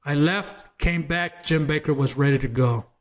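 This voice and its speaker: Speaking at a normal speed in a slightly high voice, a man who used to be in a gang shares his testimony as a guest on an interview show. He narrates it earnestly and emphatically, repeating words again and again as he builds up.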